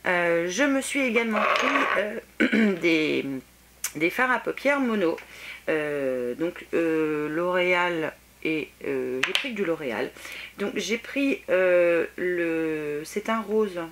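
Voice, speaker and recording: A woman's voice: lowish voice, slow, background noise. A French woman vlogging a casual makeup review, chatty and hesitant with many fillers, eager about the products. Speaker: beauty vlogger.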